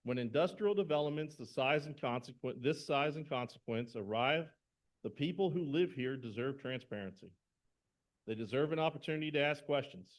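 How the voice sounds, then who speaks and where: A man serving as moderator, giving a measured, formal prepared introduction at a town hall. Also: mid-range voice, lively intonation. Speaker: event moderator introducing the speaker.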